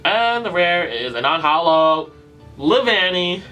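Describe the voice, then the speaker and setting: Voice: mid-range voice, sing-song, slow, pushed and bright, recorded from a distance, soft background music. A YouTube host opening card packs in casual commentary, listing card names one by one and groaning at weak pulls.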